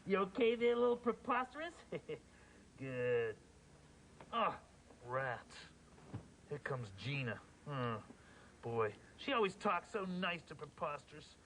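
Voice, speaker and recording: A man voicing a grumpy, sarcastic grouch monster with a gruff, rough-edged voice, in a children's puppet show. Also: a little high, big pitch swings, takes it slowly, long pauses, fairly bright tone, a little hiss or hum, exaggerated voice. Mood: grumpy, disgusted. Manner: grumbling, sarcastic, exclamatory. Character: grumpy, contemptuous grouch monster, proud of his dog.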